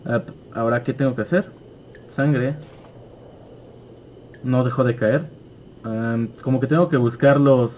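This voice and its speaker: A man's voice: mid-range voice, a little slow, long pauses, a little mellow, slight background noise. A young man hosting a gaming channel, giving let's play commentary on a horror game and yelping and swearing at the scares. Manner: jumpy, yelps and swears at scares.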